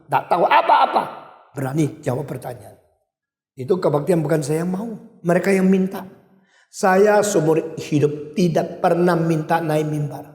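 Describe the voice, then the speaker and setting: An older male pastor with an Indonesian accent preaching a sermon with emphatic swings in loudness. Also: fairly high pitch. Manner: emphatic, wide swings in loudness, switches briefly to English. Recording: echoey hall.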